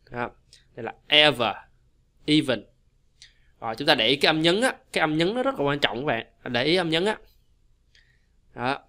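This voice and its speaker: Bright-voiced male pronunciation teacher. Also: medium pitch. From Vietnam. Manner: chatty, repetitive, quick asides with slow modeled English words. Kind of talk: casual explanatory lesson.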